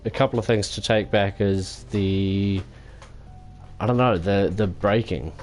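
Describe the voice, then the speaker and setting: A man wrapping up a racing stream, tired and sore, self-critical and halting with lots of fillers. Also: lowish voice, darkish tone, faint music behind. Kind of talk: casual post-race wrap-up.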